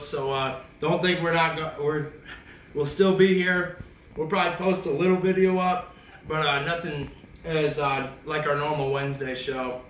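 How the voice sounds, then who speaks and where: Male cooking-show host, relaxed and chatty, slightly high voice, recorded at a distance in an echoey room. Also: slight background noise. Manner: talks while chewing, relaxed and chatty. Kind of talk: casual cooking video chat.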